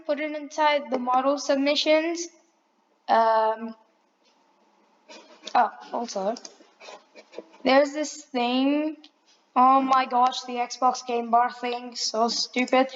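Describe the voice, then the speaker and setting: A woman walks through a building tutorial in a high, unhurried voice. She chats casually and corrects herself as she goes. The recording is dull and lo-fi. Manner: relaxed, self-correcting, chatty asides. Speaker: tutorial maker.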